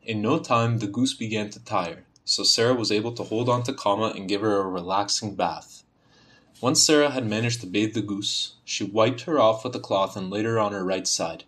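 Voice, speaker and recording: Speaking in a lowish voice at a normal pace, this young man, born in Bosnia and from Ontario, Canada, grew up with Serbian and has a Canadian accent faintly tinged by it. As a university student contributing to a dialect archive, he first reads a passage in an even, careful way, then introduces himself casually, hesitating and using many fillers.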